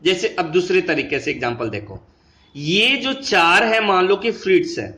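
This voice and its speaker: Bright-voiced male teacher in an echoey room. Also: high-pitched, animated. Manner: explains patiently, mixing Hindi and English, calls students "beta"; slows down and stretches words when reading English lines. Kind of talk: classroom lesson explanation.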